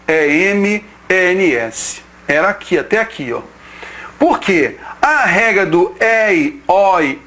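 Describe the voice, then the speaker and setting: A man's voice: high voice, a bit bright. A man teaching an exam-prep grammar lesson, casual and direct, reading out example words one by one and checking in with the listener. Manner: informal, checks in with "tá ok?".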